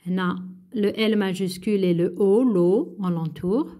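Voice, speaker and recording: Woman teacher, slow and patient, says every word twice then translates it. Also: medium pitch, dark tone. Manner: slow, patient, repeats words and translates French into Arabic. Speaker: primary school teacher. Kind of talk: workbook lesson.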